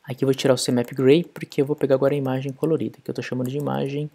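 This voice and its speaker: A man's voice: mid-range voice, little pitch movement, rapid-fire, creaky, dark tone, husky. A man explaining code step by step in a programming tutorial screencast. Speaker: programming instructor.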